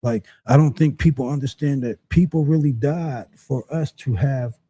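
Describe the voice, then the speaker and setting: A man's voice: medium pitch, moderate pace, warm tone, slightly rough. A man co-hosting a live community talk show, speaking emphatically and building up to raised points. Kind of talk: casual commentary.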